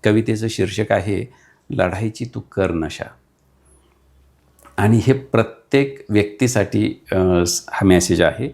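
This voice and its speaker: Middle-aged male poet, gravelly voice, rhythmic rousing delivery. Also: fairly low pitch, slow pace, a little mellow. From Maharashtra. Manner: declamatory, rhythmic recitation with repeated lines. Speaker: poet, guest. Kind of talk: poetry recitation and chat.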